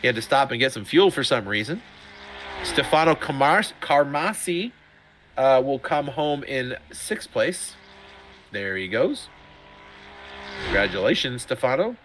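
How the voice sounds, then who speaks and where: A middle-aged man giving chatty, excitable sim racing commentary, often laughing. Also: mid-range voice, measured pace, long pauses, background noise. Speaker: race commentator.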